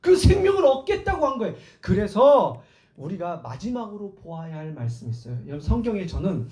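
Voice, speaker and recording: A man preaching a Sunday sermon as pastor, animated and acting out quotes with sudden shouts. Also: high voice, a little fast, roomy sound, low-quality recording. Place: church sanctuary.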